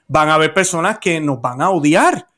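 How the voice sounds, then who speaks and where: A man interviewing a priest, agreeing and reflecting in a measured, conversational way. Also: a little high, lively intonation, fairly bright tone.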